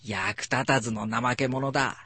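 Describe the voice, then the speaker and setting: Storybook husband, gruff and grumpy, blustering, read by the narrator. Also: male voice, medium pitch, steady tone, a little slow, pushed and bright, no echo, heavily acted. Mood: grumbling. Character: grumpy cat-hating husband.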